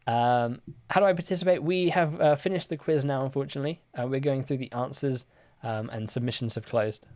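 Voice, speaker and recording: A man's voice: medium pitch, fairly quick. Chatty young man hosting a live quiz. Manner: chatty, relaxed, lots of fillers, reads out and answers chat questions. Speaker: livestream quiz host. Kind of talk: casual live-stream chat, reading viewer comments.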